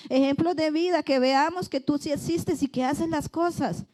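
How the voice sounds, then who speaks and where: A woman's voice: high-pitched, moderate pace, a little mellow. A woman preaching a conversational church sermon, earnest, often voicing pleading prayers aloud. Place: church service.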